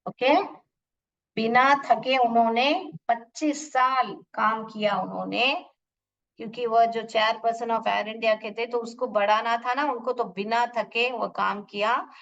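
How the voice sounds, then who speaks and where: A woman teaching an English lesson to schoolchildren. She explains each word, asks questions and answers them herself, and sounds out pronunciation slowly. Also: a little high, steady tone, a bit bright. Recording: dull lo-fi audio from a distance.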